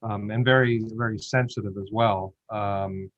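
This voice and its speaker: A middle-aged man with a lowish voice gives upbeat juror feedback, stopping and starting with many fillers. The call audio is dry and dull, with no room sound. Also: steady tone, moderate pace, no echo. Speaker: competition juror. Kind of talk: spoken feedback on a video call.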